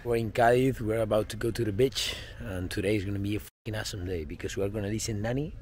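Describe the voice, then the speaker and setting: A young man from Spain with a Spanish accent, speaking English in a loud, boastful way and swearing a lot. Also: fairly low pitch, quick pace, slight background noise. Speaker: friend on the trip.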